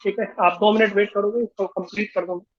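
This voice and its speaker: A man's voice: high-pitched, flat delivery, fast, muffled recording. A male physics teacher giving an online class lecture, explaining step by step and mixing Hindi and English.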